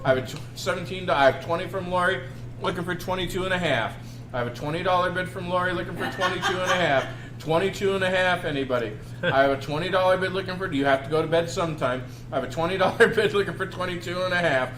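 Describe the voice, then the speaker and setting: A man's voice: high voice, fast. A man working as an auctioneer, calling out bids in repeated phrases with folksy banter in between. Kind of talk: auctioneer calling bids, repetitive chanting of prices. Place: indoor auction room. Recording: echoey room with faint background noise.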